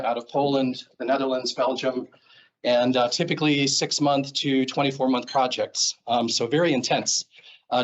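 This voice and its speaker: A middle-aged guest speaker from Seattle, Washington, with an American accent and a medium-pitched voice, gives a rambling conference talk. He stands before a screen in a presentation room, using lots of fillers and correcting himself. The recording has its highs cut off and a little hiss or hum.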